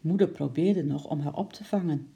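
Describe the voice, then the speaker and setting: A storyteller reading a children's story aloud in a calm, steady narration. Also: mid-range voice, normal speed, vocal fry, slightly rough.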